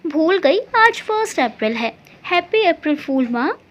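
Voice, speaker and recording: A woman's voice: extremely high pitch, very animated, normal speed. A woman doing a mischievous young daughter. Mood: playful. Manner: playful, coaxing. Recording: dull lo-fi recording.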